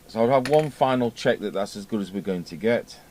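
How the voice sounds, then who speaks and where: A radio repair technician with a fairly low, slightly mellow voice speaks fairly quickly with lively intonation, muttering his thoughts aloud during a casual hands-on repair demo. He's at an indoor repair workbench, and the recording picks up clear background noise and workshop sounds.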